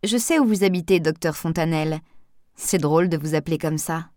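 A woman's voice: sits low, fairly quick, a little mellow, dry recording, clean studio sound, close to an everyday voice. A woman voicing a gossipy elderly village woman who talks in a confiding, old-fashioned way.

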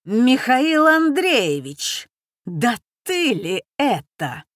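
A woman doing a brash loud poetess. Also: medium pitch, animated, slow, dry recording, clean studio sound. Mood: boisterous. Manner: loud, overfamiliar. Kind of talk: audiobook character voice.

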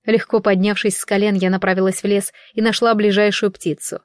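A woman narrating a first-person fantasy audiobook in a wry, even storytelling manner. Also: medium pitch, brisk, no room sound, studio quality. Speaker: audiobook reader.

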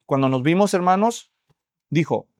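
A man's voice: a little high, animated, normal speed, darkish tone, dry recording, clean studio sound. A middle-aged man preaching a sermon as a pastor, telling a story and addressing the congregation directly.

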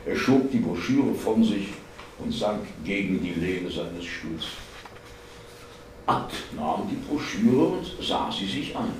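A man reading aloud from a novel in a measured way. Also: lowish voice, lively intonation, a little hiss or hum. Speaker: reader. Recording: echoey hall, distant mic.

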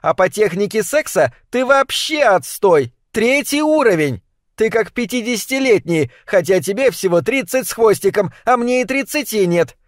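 A man's voice: lively intonation, normal speed, no room sound. Man doing a sneering young wife, raised nagging voice, dry audiobook read. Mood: scornful. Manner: mocking, shrill and accusing. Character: scornful nagging young wife, late twenties.

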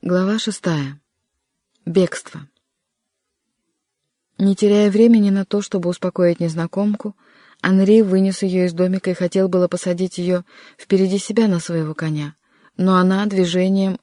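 An audiobook narrator reading a historical adventure novel in an even, measured way. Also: mid-range voice, no room sound, studio quality. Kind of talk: scripted narration.

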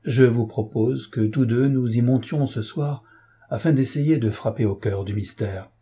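Cool logical detective, read by a man, grave and insistent, dark husky voice. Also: medium pitch, unhurried. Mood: urgent. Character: sharp, coolly logical male detective.

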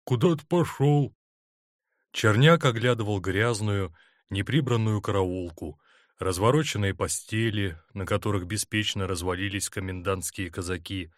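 Low-voiced male audiobook narrator. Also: normal speed, dry recording, clean studio sound. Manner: expressive, dramatic reading. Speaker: audiobook reader. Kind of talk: scripted narration.

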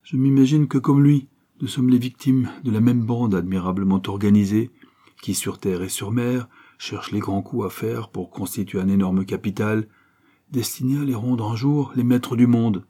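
A man's voice: lowish voice, moderate pace, mellow, slightly rough. A man reading an audiobook aloud, voicing a grieving widowed mother who speaks with solemn sighs. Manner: sighing, solemn.

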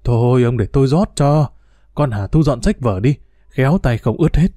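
A man voicing a gentle, easygoing old grandmother who soothes and smooths things over. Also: mid-range voice, animated, normal speed, dry recording, clean studio sound, lightly acted. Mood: bustling. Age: older.

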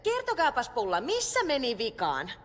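An actress voicing a brisk, strict female monster trainer who quizzes her class, in an animated film dub. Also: high-pitched, long reverb tail. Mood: instructive.

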